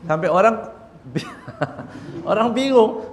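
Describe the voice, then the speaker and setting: A man preaching in a fairly high, very animated voice that rises and falls freely. He keeps the lecture light and humorous, explaining terms and acting out little scenes. His voice rings with the long reverb of a large hall. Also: takes it slowly, slight background noise. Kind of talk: religious lecture on good character.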